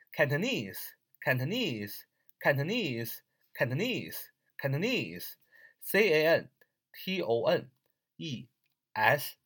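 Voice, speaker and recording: A man teaching English vocabulary in a chatty, friendly way, spelling words out slowly letter by letter and repeating them often. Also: mid-range voice, a bit bright, breathy edge. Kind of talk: recorded vocabulary lesson.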